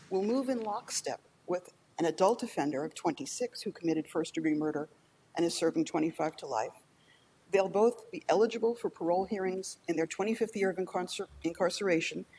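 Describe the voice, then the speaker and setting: A woman lawyer delivering a formal oral argument in a measured, deliberate manner in a courtroom. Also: lowish voice, darkish tone. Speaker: appellate lawyer. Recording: faint background noise.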